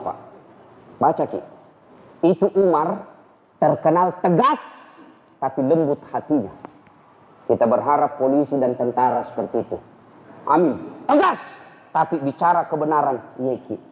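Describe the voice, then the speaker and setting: Man preaching with dramatic storytelling, high and animated, in a reverberant hall. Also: moderate pace, pauses often, phone-quality sound. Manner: animated, dramatic, addresses audience. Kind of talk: humorous sermon storytelling. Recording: echoey hall.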